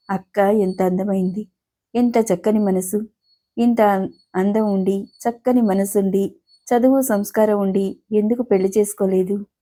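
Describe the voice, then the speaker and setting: Warm-voiced woman reading a novel. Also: mid-range voice. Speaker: audiobook narrator. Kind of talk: scripted novel narration.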